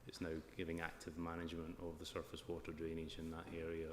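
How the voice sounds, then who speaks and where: A man's voice: very deep voice, monotone, fast. A man with a broad Scottish accent answering formally as an expert witness at an inquiry. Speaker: flood risk and drainage consultant giving evidence. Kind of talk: formal question-and-answer evidence at a planning inquiry. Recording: echoey hall with clear background noise.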